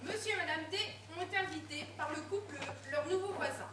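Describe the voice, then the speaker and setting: A woman acting a court clerk who formally reads out the charges, in an amateur stage comedy. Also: extremely high pitch. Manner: formal, reading out charges briskly. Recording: echoey hall, distant mic, noisy.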